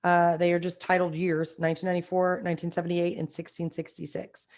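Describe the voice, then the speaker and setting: A young woman co-hosting a podcast in casual chat, her voice hoarse and raspy, telling things with enthusiasm. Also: on the low side, fast. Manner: animated storytelling, enthusiastic. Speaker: podcast co-host.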